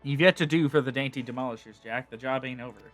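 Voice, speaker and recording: Brief: a streamer doing a gruff sea rogue, slangy and folksy, bright-toned voice. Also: male voice, medium pitch, quick pace, faint music behind, lightly acted. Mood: stern. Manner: folksy, drops into slangy dialect. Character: gruff rough-spoken male sea rogue.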